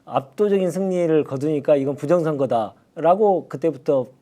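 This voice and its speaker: A man, a party spokesman on a political talk show, speaking in a measured, thoughtful way with hesitant fillers. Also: fairly high pitch, warm tone.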